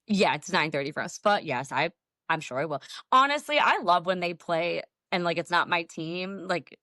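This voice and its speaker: Chatty woman telling a lively story. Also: on the low side, normal speed, no echo, clean studio sound. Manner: chatty, laughs often, acts out quotes. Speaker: guest, Steelers fan. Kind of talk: casual storytelling interview.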